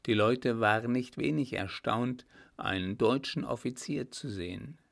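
Gravelly male audiobook narrator. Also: unhurried. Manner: steady storytelling, voicing characters with small lifts in pitch. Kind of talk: scripted narration of a historical novel.

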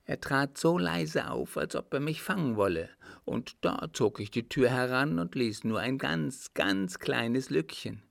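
A man reading aloud and voicing an eager, bright little boy who asks earnest questions. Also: mid-range voice, lively intonation, measured pace, vocal fry, hardly any pauses, no room sound, clean studio sound, voice pushed up, full character voice. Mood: telling.

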